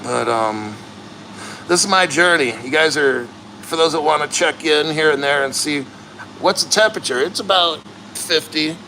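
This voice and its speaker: A man chatting casually and bluntly to livestream viewers, earnest and straining through the cold as he sits neck-deep in an ice plunge. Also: moderate pace, sharp tone, a little hiss or hum, poor audio. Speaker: livestream host.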